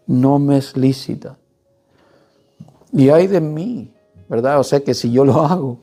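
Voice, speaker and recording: A male preacher delivering a sermon with a gravelly, low-toned warmth in his voice. He pushes his points hard and keeps checking in with the listeners through quick questions. Faint music plays softly behind him. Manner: emphatic, asks the congregation rhetorical questions.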